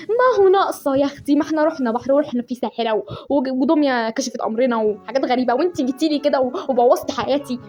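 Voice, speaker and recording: A woman with an Egyptian Arabic accent, hosting a casual game reaction video and teasing the characters in a playful, chatty way with quick restarts. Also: high voice, dark tone, soft background music. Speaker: gaming channel host.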